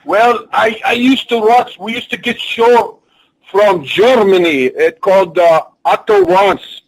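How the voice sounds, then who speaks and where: A man speaks, answering in broken English. He keeps a booming wrestling persona and a fairly high voice. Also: sing-song, takes it slowly, creaky, poor audio. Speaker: wrestler guest. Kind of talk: in-character interview answers.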